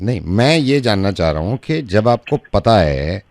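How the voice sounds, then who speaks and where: A radio jockey making a prank phone call from a studio, feigning confusion and repeating himself, then ranting loudly. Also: male voice, on the low side, sing-song, measured pace, creaky.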